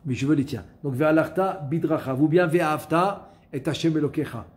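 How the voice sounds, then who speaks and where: A man giving a Torah class, lively and questioning, repeating key phrases and chanting verses slowly. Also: a little high. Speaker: rabbi teaching a Torah class. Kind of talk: Torah lesson with storytelling.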